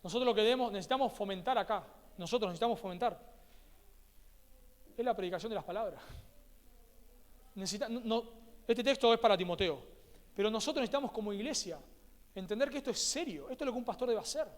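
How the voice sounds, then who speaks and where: A man's voice: sits high, fast, long pauses. A man with an Argentine accent preaching a sermon as pastor, emphatic and repeating his key words. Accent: Rioplatense Spanish. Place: church hall. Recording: echoey church hall.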